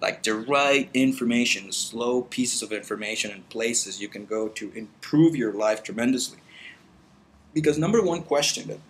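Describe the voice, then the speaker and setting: A man's voice: mid-range voice, moderate pace, a bit bright, low-quality recording. A man from El Salvador talking in a casual, rambling vlog into his computer, with many fillers and restarts. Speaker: meditation vlogger. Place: meditation center indoors.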